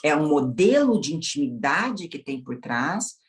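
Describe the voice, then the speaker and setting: A woman's voice: low-pitched, big pitch swings, a little slow. A woman with a Brazilian Portuguese accent, a psychotherapist explaining her approach on a podcast, often checking in with tag questions. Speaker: psychotherapist guest.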